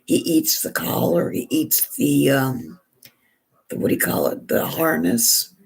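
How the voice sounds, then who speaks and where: A hoarse woman with a gravelly, raspy voice, chatting in a rambling way and restarting often while she does her makeup for a vlog. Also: low voice, big pitch swings, a little slow. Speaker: beauty vlogger. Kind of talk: casual chat while doing makeup.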